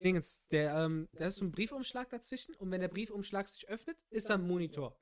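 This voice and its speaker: A man hosts a relaxed podcast chat and tells stories with animated energy. His voice sits a little high for a man. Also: quick pace. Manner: animated storytelling. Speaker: podcast host. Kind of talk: casual chat.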